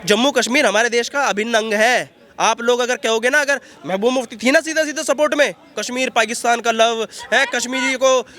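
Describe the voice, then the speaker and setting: A man with a very high, bright voice rants forcefully in a street interview. He talks outdoors in a city and piles up repeated phrases as he argues. His tone is sharp and insistent. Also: fairly even intonation, brisk. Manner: forceful, repetitive ranting. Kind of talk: heated street vox pop.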